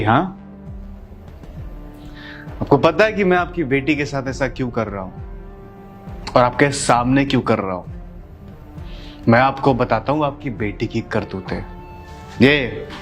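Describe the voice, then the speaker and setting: A man's voice: medium pitch, lightly acted. An actor playing a defiant, angry husband who taunts and insults his mother-in-law. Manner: taunting, shouting.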